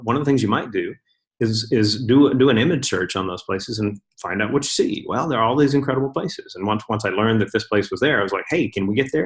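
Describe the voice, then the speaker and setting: A middle-aged man giving a casual slide talk to his club, rambling with many fillers and restarts. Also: medium pitch.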